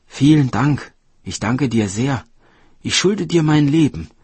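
A man's voice: medium pitch, expressive, takes it slowly, a little mellow, slightly rough, dry recording, voice pushed up, heavily acted. A man voicing a grateful, wise talking deer in a storybook tale, giving earnest advice. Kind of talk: storybook narration.

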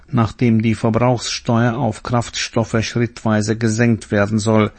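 A man reading a scripted news bulletin in a formal, measured manner. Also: fairly low pitch, a little mellow. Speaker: newsreader.

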